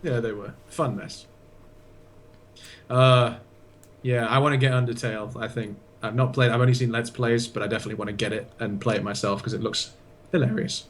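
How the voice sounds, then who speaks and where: A man co-hosting a casual gaming podcast, easygoing and quick to laugh. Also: medium pitch, fairly even intonation. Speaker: podcast co-host. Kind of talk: casual chat.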